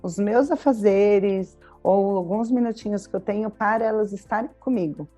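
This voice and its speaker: Mellow-voiced Brazilian woman chatting. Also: medium pitch, moderate pace, soft background music. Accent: Brazilian Portuguese. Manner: chatty, explains with everyday examples and frequent tag questions. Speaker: podcast co-host. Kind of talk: casual chat.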